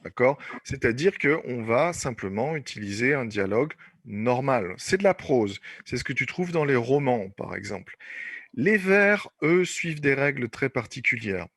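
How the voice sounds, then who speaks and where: Patient teacher explaining slowly. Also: male voice, medium pitch, animated, fairly bright tone, no echo. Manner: explains patiently, repeats points, many fillers. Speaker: French teacher. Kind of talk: online class teaching.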